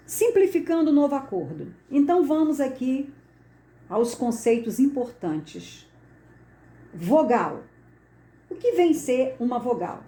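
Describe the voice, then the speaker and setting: Woman teacher, grammar lesson, slow deliberate pace, echoey room. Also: on the high side, a little mellow. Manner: slow, deliberate explaining with repeated key words. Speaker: Portuguese teacher. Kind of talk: classroom lesson at a board.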